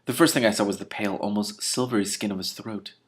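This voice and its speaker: A man speaks fast in a steady tone, his pitch fairly low. As the host reading a novel aloud, he breaks in with casual, sarcastic, irreverent comments and incredulous outbursts between passages.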